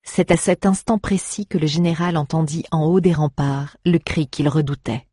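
Here a mid-range, husky voice with a touch of breathiness narrates an adventure tale for an audiobook, keeping a moderate, steady and dramatic rhythm. The scripted storybook reading sounds close and dry, with no space around it.

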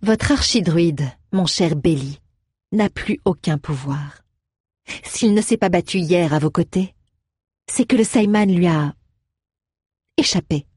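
A woman's voice: on the low side, slow, long pauses, darkish tone, slightly rough, no room sound, studio quality. A woman voicing a poised, commanding young woman who speaks with cutting sarcasm in an audiobook. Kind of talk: audiobook character voice.

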